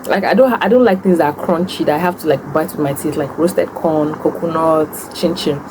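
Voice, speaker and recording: A young woman with a Nigerian accent and a low-pitched voice talks as she eats. She tells stories and answers questions in a casual mukbang style. A clear background noise, like an air-conditioning hum, runs under her voice. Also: brisk. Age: young adult. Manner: talks while eating. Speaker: food vlogger and host.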